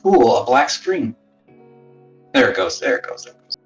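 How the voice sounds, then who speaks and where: A man's voice: medium pitch, expressive, moderate pace, creaky, distant mic, muffled recording. A man chatting casually on a live stream, rambling, swearing and mocking himself, heard through a phone mic with a boxy speakerphone sound, as if inside a box. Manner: rambling, swearing, self-mocking, often muttering under his breath. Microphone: phone used as a wireless webcam mic. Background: faint background music.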